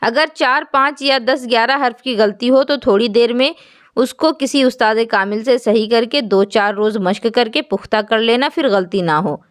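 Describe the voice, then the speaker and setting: A woman teaching an online Quran recitation class, explaining slowly and asking her students questions. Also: fairly high pitch. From Jammu, India.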